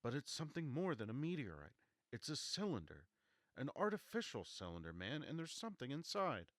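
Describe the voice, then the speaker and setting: Man acting out an alarmed, excitable English stargazer. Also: deep voice, normal speed, no echo, clean studio sound. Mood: urgent. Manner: urgent, exclamatory.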